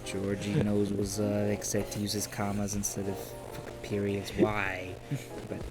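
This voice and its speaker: A man's voice: fairly low pitch, completely flat delivery, unhurried, music in the background. A man chatting casually as a co-host on a live stream.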